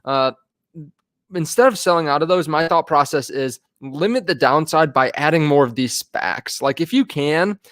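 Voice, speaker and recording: Higher-voiced man rambling on a live stream. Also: lively intonation, moderate pace, fairly bright tone, dry recording, clean studio sound. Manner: rambling, filler-heavy, restarts often. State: a bit out of breath. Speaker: finance channel host. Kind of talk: casual live-stream talk. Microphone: phone.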